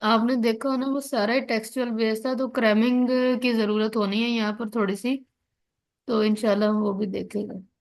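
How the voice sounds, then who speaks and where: A Pakistani woman with a higher-pitched, slightly creaky voice lectures on law in an online lesson, reading out legal text and explaining it. She speaks at a moderate pace in a level tone, frequently checking that listeners follow and posing questions she then answers herself.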